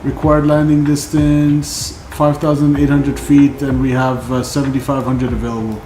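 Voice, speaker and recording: A man's voice: mid-range voice, flat delivery, normal speed, mellow, roomy sound, slight background noise, low-quality recording. A man giving casual running commentary as a flight sim streamer, thinking aloud and reading out figures. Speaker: flight simulator live streamer.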